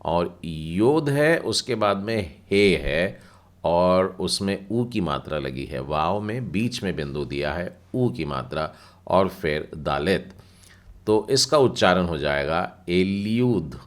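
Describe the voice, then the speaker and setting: In a slow explanatory lesson for a Bible language class, a man patiently spells out letters and the sounds they make, one step at a time. His voice is low, and he delivers it in an animated way without rushing.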